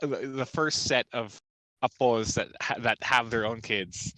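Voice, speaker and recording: Young man, from the Philippines, bright tone, dry sound, relaxed chat. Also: mid-range voice, a little slow, no room sound, low-quality recording. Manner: relaxed, chatty, laughs often. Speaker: co-host. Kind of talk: casual chat about tabletop games. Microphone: voice call while driving.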